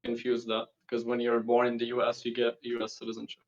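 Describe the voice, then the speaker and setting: A young man born and raised in the UAE, Palestinian, speaking casually as a guest over a video call, slangy and quick in bursts. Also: mid-range voice, monotone, lo-fi sound.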